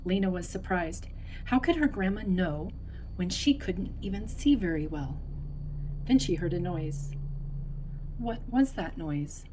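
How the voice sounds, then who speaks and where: A woman reading a picture book aloud in an expressive way, whispering and playing up the sound words. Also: lowish voice, measured pace, pauses often, noisy background. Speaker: storybook reader.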